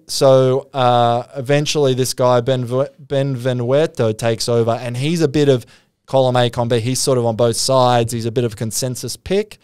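A man's voice: mid-range voice, a little mellow, clean tone, dry recording, clean studio sound. Profane Australian man telling a crime story. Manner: rambling, profane, acts out quotes. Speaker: podcast co-host. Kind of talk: casual storytelling chat.

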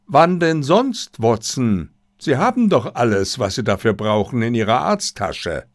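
A man voicing a sharp, commanding male detective in an audiobook, speaking in a crisp, insistent way. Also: medium pitch, big pitch swings, measured pace.

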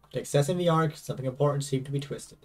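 A man's voice: mid-range voice, racing, a little mellow, distant mic, close to an everyday voice. A man reading aloud as a young male game protagonist, confused and anxious, over faint game music. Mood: uneasy.

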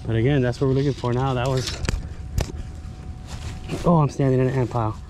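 A man in the middle of his pitch range gives a chatty running commentary while he fishes outdoors, sometimes talking straight to the fish. It is recorded on an action camera by a lake, with a clear layer of outdoor noise under his voice. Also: fairly even intonation, a little fast. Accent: South Florida English. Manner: chatty, self-narrating, mutters to the fish. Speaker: fishing vlogger. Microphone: action camera on body or bike.

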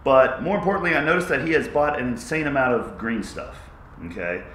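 A man in his thirties chatting casually to camera for a fitness vlog, goofy and excitable, jumping between loud bursts and low asides. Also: a little fast, slight background noise. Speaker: fitness vlogger. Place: echoey home gym. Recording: echoey room.

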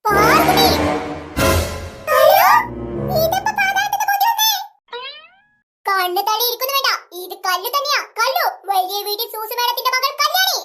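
A woman's voice: extremely high pitch, very animated, fairly quick, bright, forceful tone, faint music behind, exaggerated voice. A woman voicing a smug rich schoolgirl tattletale. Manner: smug, teasing.

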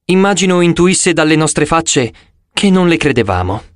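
A man narrating an audiobook in an expressive, first-person storytelling style. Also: on the high side, normal speed, no room sound, clean studio sound.

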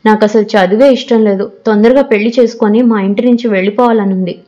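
A woman's voice: medium pitch, steady tone, fast talker, mellow, lo-fi sound, lightly acted. A woman voicing an anxious, unhappy teenage girl student who asks eager, worried questions.

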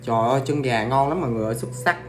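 A man speaks very fast in a medium pitch, with soft background music underneath. He's hosting a casual livestream of ghost stories, chatting with viewers directly and eating throughout.

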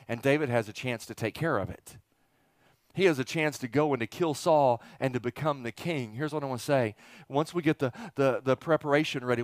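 This is a middle-aged pastor on a church stage indoors, joking in a folksy manner while he poses rhetorical questions to the congregation and repeats phrases to drive points home. His voice is mid-range. The headset recording has studio quality and no echo.

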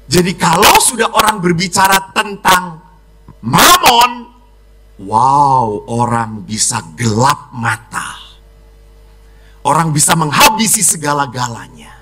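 Animated, bright-voiced priest preaching a homily. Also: male voice, on the high side. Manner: lively preaching, acts out children and wives in quick voices.

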